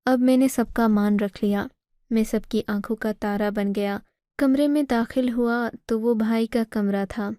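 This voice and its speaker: A woman storyteller reading a first-person moral story in a steady, even way. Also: on the high side, dry recording, studio quality. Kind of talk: scripted first-person narration.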